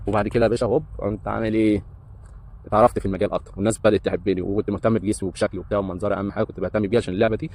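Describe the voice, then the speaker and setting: The voice is lowish and darkish in tone, belonging to a man in his thirties with an Egyptian Arabic accent. A breakdancer and hotel entertainer, he gives a casual, rambling monologue about his life, peppered with hesitant fillers.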